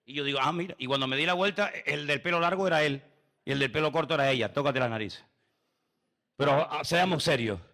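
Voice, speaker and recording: Emphatic pastor preaching, bright voice. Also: male voice, on the high side, fairly quick. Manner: emphatic, rhetorical questions, mimics others' voices. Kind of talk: sermon.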